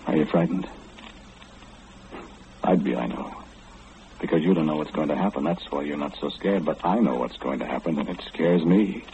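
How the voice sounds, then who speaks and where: A warm bass voice, moving at a moderate pace with frequent pauses, belongs to an actor playing an omniscient, foreboding figure in an old radio horror drama. He confides in the listener ominously, pressing and questioning, and the recording is muffled and hissy.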